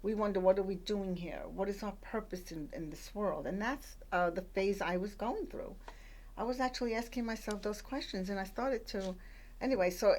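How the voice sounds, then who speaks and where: An older woman from Puerto Rico, raised in the Bronx, talks as a guest on a radio show. She tells her story casually, with plenty of fillers and restarts, and her voice is of middle pitch. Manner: chatty, with many fillers and restarts. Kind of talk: conversational storytelling.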